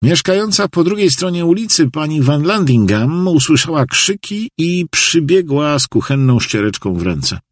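A man reading a novel aloud as an audiobook narrator, in a measured, expressive way. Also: mid-range voice, breathy edge, dry recording, studio quality. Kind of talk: scripted narration.

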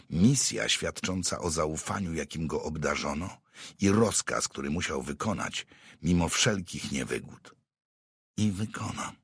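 A male audiobook narrator with an exceptionally deep voice and a breathy, husky grain. He reads in a steady, measured storytelling manner. The sound is dry and close, with no room around it. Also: no echo. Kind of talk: scripted narration.

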